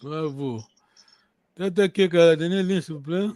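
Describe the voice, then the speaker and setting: High-voiced man teaching with many pauses. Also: darkish tone, no echo, clean studio sound. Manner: hesitant, repeats and restarts often; checks understanding with the class. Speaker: language teacher. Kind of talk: online language lesson.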